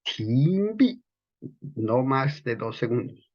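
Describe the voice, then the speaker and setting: A man explains breathing technique as a qigong instructor, with a husky, slightly breathy voice. He talks in an unhurried way and carefully repeats the key terms. The recording sounds dull and lo-fi. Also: medium pitch, expressive.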